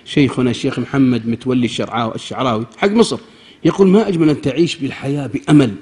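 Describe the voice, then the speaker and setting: A man giving a humorous, animated sermon, acting out little scenes and swinging between loud and soft. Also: mid-range voice, very fast, slightly rough. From Saudi Arabia. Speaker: preacher.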